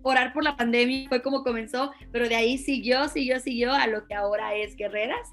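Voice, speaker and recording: A young woman from Ecuador in her twenties, a youth pastor, speaking warmly and earnestly as a podcast guest. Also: a little high, steady tone, brisk, faint music behind. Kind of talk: interview conversation.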